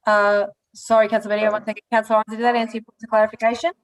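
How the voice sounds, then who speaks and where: A woman mayor chairing a council meeting, moving business along in a quick, informal and apologetic way. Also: fairly high pitch, flat delivery.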